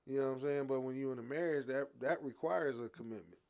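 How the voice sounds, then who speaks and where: A man co-hosting a live radio podcast, animated and trash-talking in casual debate. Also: mid-range voice. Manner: rapid, animated, playful trash talk. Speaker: podcast co-host.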